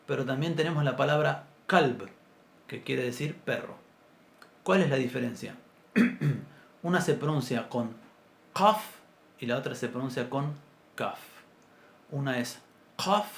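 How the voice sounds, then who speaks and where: A man teaching an introductory Biblical Hebrew class, explaining patiently and clearing his throat often. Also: medium pitch. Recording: roomy echo, faint background noise.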